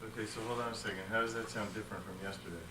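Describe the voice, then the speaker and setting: A man's voice: on the low side, fairly even intonation, rapid-fire, recorded from a distance. A man teaching a massage class, playful and joking with his students. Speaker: massage instructor. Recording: roomy classroom taped from afar, noisy.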